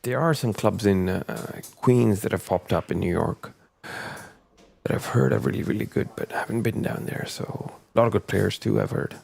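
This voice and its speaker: Deep gravelly guy doing laid-back snooker commentary, lots of uh and um, bit of hiss. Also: normal speed. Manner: hesitant, filler-heavy, soft-spoken. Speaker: guest commentator.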